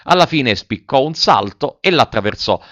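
A man narrating a classic tale as an audiobook, telling it in a lively, expressive way. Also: medium pitch, moderate pace, no echo, studio quality.

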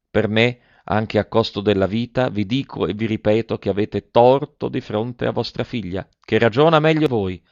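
A man reading aloud voices a frail, feverish elderly wife who pleads softly with her husband. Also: fairly low pitch, dry recording, natural voice. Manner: soft, pleading, timid. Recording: dull dry lo-fi recording.

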